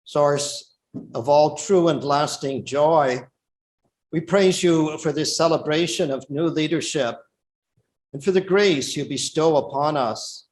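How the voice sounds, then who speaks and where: Slow solemn bishop in a cathedral echo. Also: male voice, on the high side. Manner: slow, measured, solemn delivery. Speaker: bishop presiding at Mass. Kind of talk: liturgical prayer and scripture reading. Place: large church. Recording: roomy church reverb with faint ambience.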